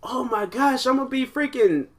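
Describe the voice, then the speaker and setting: A man's voice: extremely high pitch, moderate pace. A man in his twenties hosting his own podcast alone, rambling casually with lots of "like" and restarts. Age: 20s. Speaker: podcast host. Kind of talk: casual solo podcast monologue.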